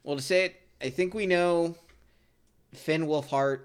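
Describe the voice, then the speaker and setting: A man's voice: on the high side, measured pace, clean tone. A man co-hosting a podcast, chatting casually about movies in a rambling, self-deprecating way. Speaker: podcast co-host.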